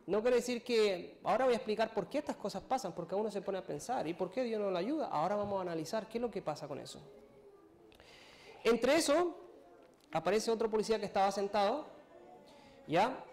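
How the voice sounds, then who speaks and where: A man's voice: high voice, animated, a little mellow. Man preaching a personal story. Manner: storytelling, acts out his own and others' words, emotional, halting. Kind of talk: sermon testimony.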